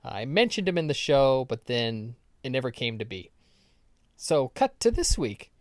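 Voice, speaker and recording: A man's voice: medium pitch, big pitch swings, a little slow, no room sound, clean studio sound. Chatty man co-hosting a podcast. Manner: rambling, with frequent ums and restarts. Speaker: podcast co-host. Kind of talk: casual chat.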